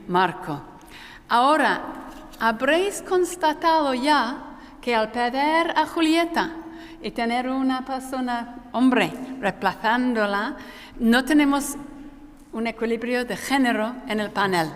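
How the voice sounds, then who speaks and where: Woman in a cathedral-like echoing hall. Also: a little high. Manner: informal, halting, often restarting words. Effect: cathedral-like hall echo on the voice. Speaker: panel moderator. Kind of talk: conference panel moderation. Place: large conference hall. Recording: long reverb in a large echoey hall.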